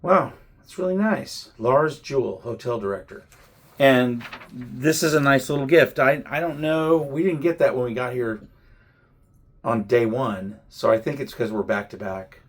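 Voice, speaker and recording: A man's voice: mid-range voice, a little slow. A man chats casually as a vlog host, in a mid-range voice. He is reflective and conversational, often repeating a word or two while he gathers his thought.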